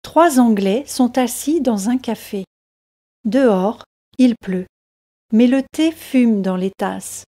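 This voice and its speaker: Slow, calm woman narrating a story. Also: a little high. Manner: calm, evenly paced reading. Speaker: story narrator for French learners.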